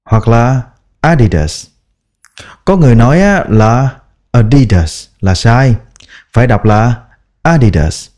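A man teaching English brand-name pronunciation in a patient, step-by-step lesson, repeating each word slowly. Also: medium pitch, sing-song, a little mellow. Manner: drawn-out repeated example words, patient explaining. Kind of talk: slow instructional pronunciation lesson.

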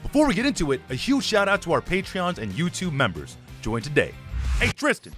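A man's voice: on the high side, huge pitch swings, fast talker, fairly bright tone, soft background music. A man co-hosting a card game video, giving playful, exclaiming commentary while he plays. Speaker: co-host. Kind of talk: excited gaming commentary.

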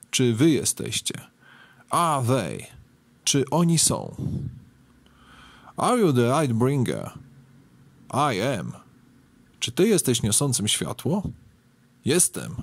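Slow, lively-voiced male English teacher. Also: mid-range voice, no room sound. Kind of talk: bilingual language lesson.

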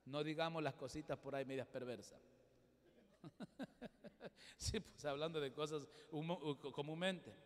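High-voiced pastor preaching emphatically. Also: male voice, unhurried, pauses often. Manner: emphatic preaching, swinging from loud exhortation to quiet asides. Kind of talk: sermon. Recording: long hall reverb.

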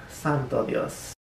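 A man's voice: on the high side, creaky, fairly bright tone, slight background noise. A young man chatting casually and joking through a home cooking vlog in his kitchen. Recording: echoey kitchen, distant mic, faint music.

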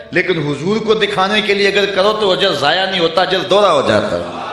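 A man's voice: a little high, fairly bright tone. A male preacher giving a sermon. He recites passages in Arabic and then explains them in Urdu. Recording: echoey room with faint music.

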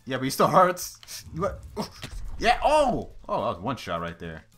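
A man chatting casually while playing a multiplayer game, excitable and quick to shout and laugh. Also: medium pitch, soft background music. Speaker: gamer. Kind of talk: casual multiplayer gaming chat.

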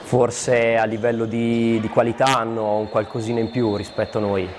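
A man in his thirties from Fano, a futsal player guest answering in a halting way with many fillers, recorded in a TV studio. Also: medium pitch, level tone. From Fano, Italy. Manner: halting, lots of fillers and repeated yeses. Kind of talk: studio interview. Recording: studio with long reverb, faint noise.

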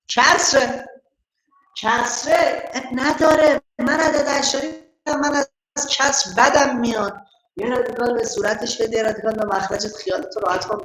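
A man's voice: very high-pitched, fairly bright tone, a little hiss or hum. A man from Iran teaching an online math class, playful and affectionate with his students. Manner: playful, affectionate, talks to students as dear ones. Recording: very echoey room.

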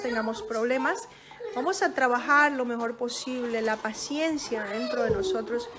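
A woman who is a parent calmly giving advice to other parents in a casual talk, speaking gently with many pauses and restarts. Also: fairly high pitch, slight background noise. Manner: teacherly, checks in with "¿ok?".

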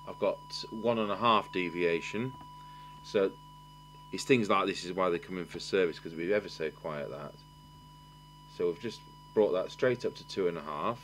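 Indoors at a workbench, a radio repair technician and presenter with an English accent gives an informal hands-on repair demonstration, matter-of-fact and thinking aloud as he works. His voice is low, at normal speed, with background noise.

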